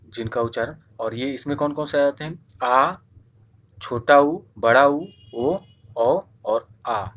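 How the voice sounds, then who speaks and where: A man runs an exam-prep grammar lesson at a steady, mid-pitched register. He repeats key points and asks himself questions before answering them. He draws out vowel sounds when demonstrating them. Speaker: teacher.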